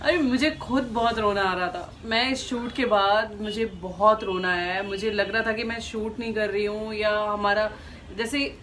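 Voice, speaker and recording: A woman's voice: medium pitch, fairly even intonation, normal speed, fairly bright tone, slight background noise. Earnest woman co-hosting an outro. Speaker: co-host and actress. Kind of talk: casual video outro.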